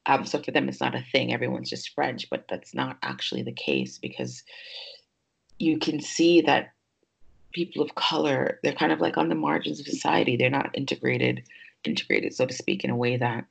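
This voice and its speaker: This New York podcast host, a woman, has a gravelly, breathy bass voice and animated delivery at normal speed. Casual and reflective, she thinks out loud and leans on plenty of fillers.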